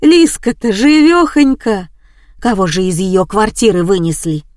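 A woman voicing a stout, tactless old woman neighbour who talks loudly and bluntly. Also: medium pitch, sing-song, unhurried, no echo, studio quality. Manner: loud, blunt and gossipy.

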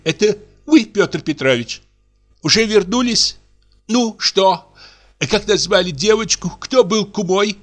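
A man voicing a stingy, scolding spinster woman in a shrill, nagging tone. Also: expressive, takes it slowly, faint music behind. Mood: sharp.

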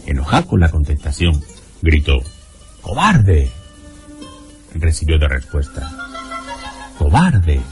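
A man giving a scripted, measured narration in a calm advising tone, with guitar music underneath. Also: a bass voice.

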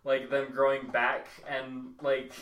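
A young man chatting casually with friends, animated and laughing often as he tells about a strange dream. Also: medium pitch, slow pace, recorded from a distance, lo-fi sound. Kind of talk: casual chat. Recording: roomy echo.

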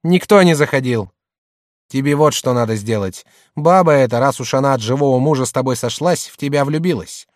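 A man reading an audiobook, voicing a middle-aged merchant's wife who mocks and shouts at her husband. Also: mid-range voice, a little fast, dry recording, studio quality, lightly acted. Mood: scornful. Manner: loud, mocking, hectoring.

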